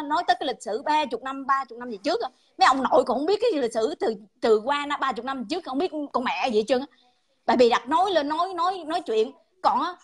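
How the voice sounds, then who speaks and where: High-pitched Southern Vietnamese woman ranting. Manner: blunt, repetitive, scolding. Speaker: online livestream speaker. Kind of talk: angry ranting monologue.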